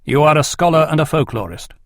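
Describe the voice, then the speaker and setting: A man's voice: a little high, lively intonation, fast, fairly bright tone, no echo, clean studio sound. A man voicing a brusque, impatient male detective. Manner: curt, impatient.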